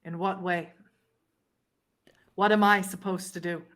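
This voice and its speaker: In a tabletop roleplay, a woman voices an old female vampire informant, speaking in a slightly low, fairly bright, steady voice. The character sounds weary, guarded, and defensive, delivering short, measured statements with dramatic pauses.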